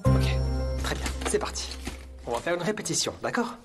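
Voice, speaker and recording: A man dubbing a harried grown son who keeps coaxing everyone to calm down in a dubbed television drama. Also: a little high, normal speed, over loud music, close to an everyday voice. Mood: anxious. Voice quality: coaxing, exasperated. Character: harried grown son trying to keep the peace.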